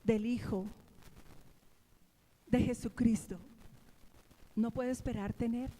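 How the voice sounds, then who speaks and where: In a church sanctuary with long hall reverb, a pastor from Colombia preaches, asking her congregation questions and returning to repeated lines. Her voice is on the high side yet dark in tone, fairly even in intonation, and unhurried.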